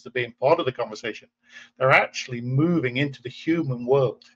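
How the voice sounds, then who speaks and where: A man's voice: mid-range voice, breathy edge. A man in his forties from England, hosting a casual video-call interview and musing thoughtfully, often restarting phrases. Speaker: host. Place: indoor room at home. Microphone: webcam video call. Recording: muffled lo-fi video-call audio.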